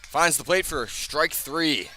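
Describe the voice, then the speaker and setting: A man calls a baseball game live on the radio as play-by-play announcer from an outdoor ballpark broadcast position. His voice is a little high, animated and sharp in tone, at a slow pace.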